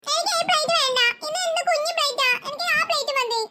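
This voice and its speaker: A woman voicing a stubborn little girl who whines and pleads in a family comedy sketch. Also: quick pace. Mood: whiny. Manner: high childish pleading, whining. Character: little girl, whiny and stubborn younger sister. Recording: noisy home recording.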